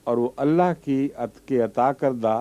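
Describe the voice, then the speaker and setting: Man teaching scripture; warm, low-key delivery, dull archival sound. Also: measured pace. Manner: explanatory, quotes Arabic verses then translates. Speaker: Quran teacher. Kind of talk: religious commentary lesson.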